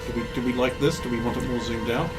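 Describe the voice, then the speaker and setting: Male game master, average pitch, casual tabletop narration and rulings, music clearly behind. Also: fairly even intonation, quick pace.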